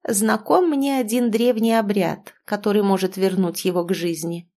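A woman's voice: steady tone, normal speed, warm tone, close to an everyday voice. A woman reading a storybook voices a scheming old woman who fakes kindness, sly and impatient. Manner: sly, impatient, shrill when alarmed.

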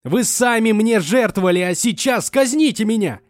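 A man voicing a desperate wounded young man, shouting through tears. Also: high voice, animated, normal speed, no echo, studio quality, pitched above the performer's own voice. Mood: sobbing, shouting.

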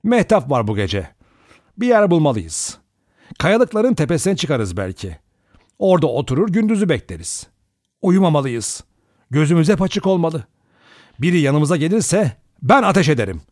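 A cool, sardonic young man who talks bluntly and probes with a teasing edge, voiced by an audiobook narrator. His delivery is lively and full of pitch movement. The recording is dry and close. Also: moderate pace, no room sound. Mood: wry. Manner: teasing, then grave and steady. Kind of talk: audiobook reading.

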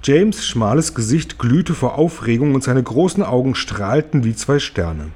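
A man reads a children's story aloud in an expressive, storytelling way. His voice is husky and mid-pitched, with a lively melody that rises and falls. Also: measured pace. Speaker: narrator. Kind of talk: audiobook reading.

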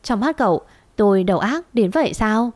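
A woman voicing a proud, calm young wife who gives firm orders, in a storybook reading. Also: medium pitch, moderate pace, lightly acted. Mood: wistful. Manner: cool and firm, commanding.

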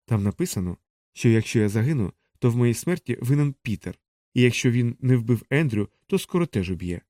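A man reading as a clever young girl who calmly and firmly stands up to her brother. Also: mid-range voice, brisk, no room sound, studio quality, close to an everyday voice.

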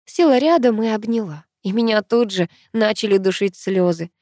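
A woman's voice: mid-range voice, normal speed, a little mellow, no echo, studio quality. A woman narrating a novel in the first person, with a heightened, emotional delivery. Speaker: audiobook reader.

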